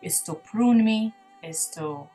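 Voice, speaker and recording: A Maltese-speaking gospel singer appears as a guest in a casual interview, talking earnestly and reflectively and often restarting her sentences. Her medium-pitched voice is warm and expressive, and she takes it slowly over soft background music.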